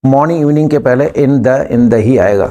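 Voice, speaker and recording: Speaking at a moderate pace in a warm, mid-range voice, a male English teacher drills his class on sentences. He encourages the students to answer and repeat.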